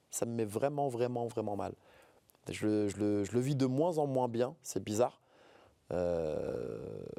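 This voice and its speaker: A man's voice: medium pitch, gravelly, mellow, dry recording. A man in his forties from the Paris suburbs, speaking earnestly as an interview guest, often hesitating and repeating words. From France, Paris suburbs. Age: 40s.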